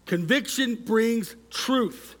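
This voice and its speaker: A middle-aged male pastor preaching a sermon, measured and repetitive for emphasis, often asking the congregation to respond. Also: extremely high pitch, a bit bright. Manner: measured, repeats key words for emphasis.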